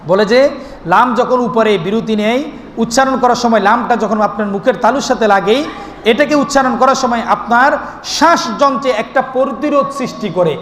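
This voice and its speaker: Male preacher with a very high voice, sermon in a long-reverb hall, asks and answers his own questions. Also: a bit bright. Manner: chanting drawn-out calls mid-sermon; asks the crowd questions and answers them himself. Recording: echoey hall recording with faint noise.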